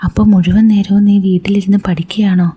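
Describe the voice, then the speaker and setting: A woman's voice: mid-range voice, little pitch movement, fast talker, dark tone, husky, lightly acted. A woman voicing a crude, teasing young male friend in a whispered role-play, mocking him.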